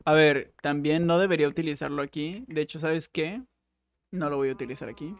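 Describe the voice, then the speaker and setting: Man, young adult, jokey let's play commentary, slightly high voice, dry sound. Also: fairly quick, dry recording. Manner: chatty, jokey, bursts of excited exclaiming. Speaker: gaming YouTuber.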